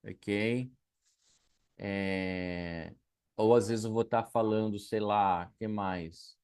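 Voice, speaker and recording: A man's voice: on the low side, fairly even intonation, very slow, a little mellow, clear, resonant tone. A man teaching English to beginners in an online class, patiently spelling out example sentences. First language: Portuguese.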